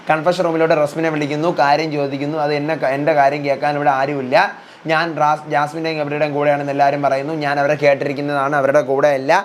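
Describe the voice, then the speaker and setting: A young man hosts his own review channel and rattles through an episode recap at a brisk clip. His voice sits a little high for a man, and he keeps the delivery loose and conversational. A faint ambient hum sits under the recording. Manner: rapid chatty retelling, voicing housemates' quotes. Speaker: reality show reviewer, channel host. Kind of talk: casual spoken episode recap.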